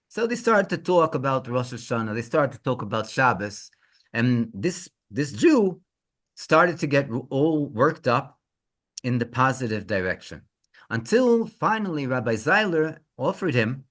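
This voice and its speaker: Animated male rabbi telling a story. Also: medium pitch. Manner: animated, halting with repeated words. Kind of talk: storytelling talk.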